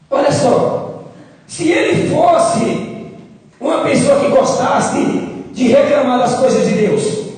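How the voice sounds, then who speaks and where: A man with a Brazilian Portuguese accent preaching a sermon as pastor, impassioned and rising to shouts, with a sore throat. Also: very high voice. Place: church hall. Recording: echoey church hall from far off.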